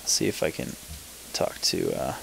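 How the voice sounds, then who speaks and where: A man's voice: normal speed, fairly bright tone, a little hiss or hum, rough recording. Man mumbling through game commentary. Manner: casual, mumbling, thinking aloud with mild swearing. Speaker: let's play gamer. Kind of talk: gameplay commentary.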